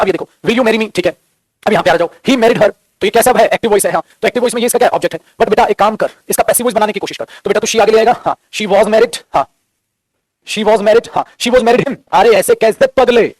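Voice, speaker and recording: A man teaching a grammar class at a breakneck pace, his voice pitched high. He scolds his students in a playful way and keeps drilling the same questions over and over. The sound is dry and close, with no room echo. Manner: playful scolding, calls students "beta", jokes; teasing, repetitive drilling questions. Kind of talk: Hindi-medium grammar class lecture.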